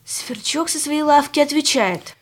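High-voiced woman telling a fairy tale. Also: unhurried. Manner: gentle, expressive storytelling. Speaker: storyteller. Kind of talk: storybook narration for children.

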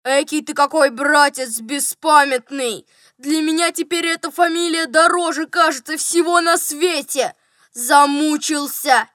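A woman voicing an irate old male general with toothache, loud and blustering in a storybook reading. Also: sits high, steady tone, a little slow, no echo, clean studio sound. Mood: exasperated.

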